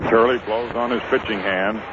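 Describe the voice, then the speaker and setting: An American announcer with a lowish, fairly even voice delivers 1950s-style baseball play-by-play at a moderate pace, speaking in short, clipped bursts. The outdoor ballpark broadcast sounds muffled and noisy.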